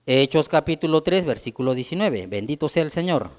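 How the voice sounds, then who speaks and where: A pastor preaching a sermon, emphatic and repetitive, firing rhetorical questions at the congregation. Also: male voice, on the high side, expressive, fairly quick. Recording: dull lo-fi sound with long hall reverb.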